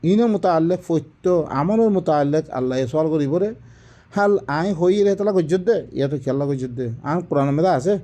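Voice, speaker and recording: A man's voice: a little high, normal speed, dark tone. A man giving a religious lesson, explaining recited verses didactically with repeated phrases and rhetorical questions. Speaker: Quran teacher. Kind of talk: Quran exegesis, recited verses then explained.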